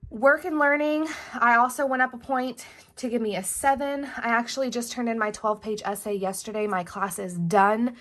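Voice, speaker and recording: This young woman is heavily pregnant and a little winded as she records a relaxed planner vlog at her desk at home. At normal speed, in a slightly high, fairly bright voice, she chats, wanders off topic and corrects herself.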